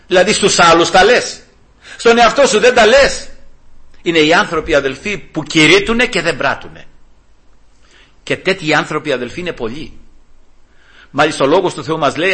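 A man's voice: fairly high pitch, bright, forceful tone. A man preaching an impassioned evangelical sermon, calling out praise and rising to fervent cries.

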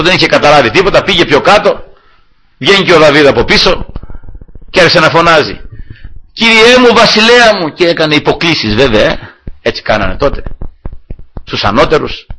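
A man's voice: mid-range voice, animated, long pauses, bright, forceful tone, husky, low-quality recording. A male preacher giving a sermon, who retells scripture dramatically and keeps addressing his listeners as brothers.

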